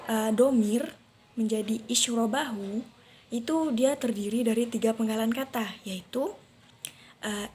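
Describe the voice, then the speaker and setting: Young woman presenting a lesson, hesitant. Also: a little high. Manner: hesitant, many fillers. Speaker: student presenter. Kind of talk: classroom presentation. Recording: faint background noise.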